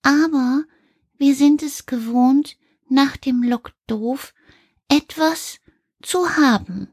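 A woman voicing Karl, a small serious male toy figure, speaking in a slow hushed way for a children's story. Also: sits high, no room sound, studio quality, voice pushed up. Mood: solemn. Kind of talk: reading a children's story aloud.

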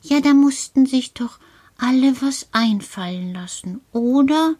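A woman voicing a cheerful little male creature living in an earth cave, speaking slowly and patiently and often dropping to a whisper. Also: high-pitched, expressive, a little mellow. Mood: patient coaching.

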